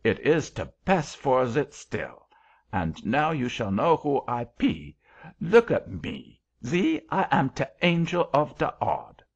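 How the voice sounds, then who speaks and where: An irascible little supernatural creature from a storybook, bossy and blustering in broken English with a strong German accent. The voice is pushed high and loud, leaping about in pitch. Words are stretched for emphasis, on a slightly muffled recording. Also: male voice, huge pitch swings, slow, gravelly, husky, exaggerated voice. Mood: self-important. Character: bossy, irascible little creature, self-styled odd angel.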